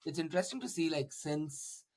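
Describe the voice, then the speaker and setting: A man's voice: a little high, animated, normal speed, darkish tone. A man hosting an interview, reflecting in a hesitant, casual way with many "like"s and "uh"s. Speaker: show host.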